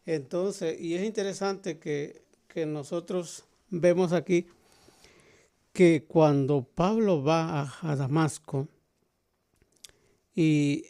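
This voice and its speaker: Co-host, male, mellow and slightly high, conversational, hunts for words. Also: slow pace, long pauses. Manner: frequent affirming interjections, searches for words mid-sentence. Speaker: radio Bible program co-host. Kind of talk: Bible discussion chat.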